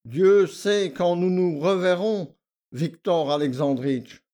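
A man voicing a timid, heartbroken young peasant girl who speaks softly and haltingly. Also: high voice. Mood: sad, pleading. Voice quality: soft, faltering.

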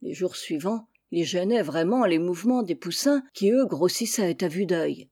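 A woman reading a children's story aloud with gentle, measured narration. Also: fairly low pitch, lively intonation, breathy edge.

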